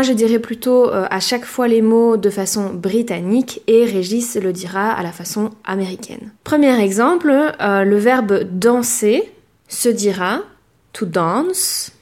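A woman teaching a language lesson, speaking clearly and measuredly, and slowing down to model words. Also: fairly high pitch, darkish tone. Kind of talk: explaining a lesson.

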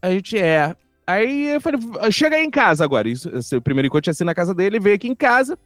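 A man telling stories in casual podcast chat, animated and foul-mouthed, acting out what people said. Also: high voice, fast talker, dry recording, clean studio sound, soft background music. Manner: animated storyteller, swears freely, acts out quotes. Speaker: guest comedian.

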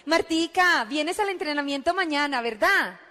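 A woman imitating a pushy female recruiter in a coaxing, drawn-out sing-song voice. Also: sits high, expressive, bright, forceful tone. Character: pushy, sugary woman recruiter who keeps calling. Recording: echoey hall.

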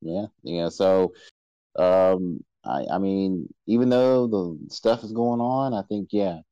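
A man moderates a loose chat, rambling and stumbling over his words as he goes. His voice sits low and mellow, and it comes through dry and a little dull. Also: slow pace, no room sound. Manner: rambling, stammering restarts, laughs often. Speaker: podcast moderator. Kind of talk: casual chat about anime awards.

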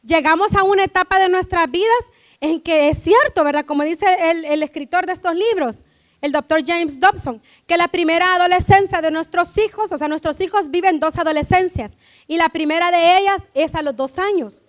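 A woman preaching a lively church sermon, often checking in with her listeners and acting out family scenes. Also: very high voice, moderate pace. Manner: animated, keeps asking "right?", acts out family quotes.

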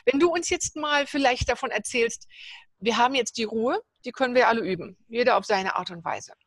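A woman's voice: fairly high pitch, brisk, a bit bright, dry recording. Woman host asking thoughtful questions. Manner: thoughtful, asks in long reflective runs. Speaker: interviewer, host. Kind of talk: spiritual interview conversation.

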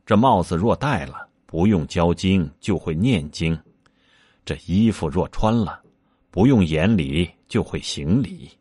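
A man voicing a gentle but stern male monk master, speaking slowly and low in an admonishing way. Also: animated, husky, no room sound, studio quality, exaggerated voice.

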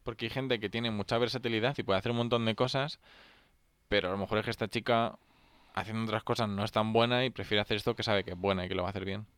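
A man with a Spanish accent from Spain, giving measured, wry opinions in a casual film review chat. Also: lowish voice, steady tone, a bit bright, clear, resonant tone, no echo, studio quality. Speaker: film podcast co-host.

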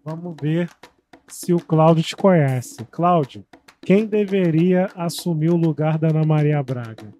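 A man's voice: on the high side, measured pace, mellow, faint music behind. A man co-hosting a casual chat, speaking in a teasing, playful way.

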